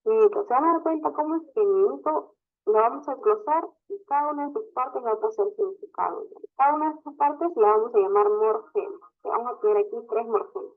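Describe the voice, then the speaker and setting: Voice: mid-range voice, fairly quick, soft background music. A teacher giving an online class lecture, explaining step by step and often adding a short questioning tag. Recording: tinny phone-like audio.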